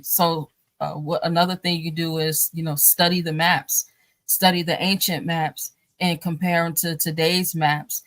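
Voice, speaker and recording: A married woman with a low-pitched voice, recorded with no echo, appears as a talk show guest. She chats casually and rambles, full of fillers and restarts, laughing often as she speaks.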